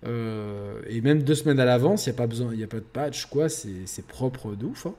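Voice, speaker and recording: A man's voice: mid-range voice, moderate pace. A man hosting a casual gaming podcast, rambling with many fillers. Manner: rambling, lots of fillers, gets excited and laughs. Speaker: podcast host.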